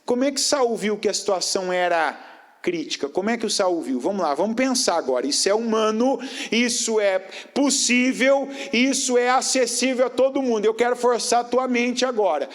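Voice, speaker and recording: High-voiced man preaching a sermon. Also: expressive, normal speed. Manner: rhetorical questions to the congregation; swings between raised emphatic phrases and low, quiet stretches.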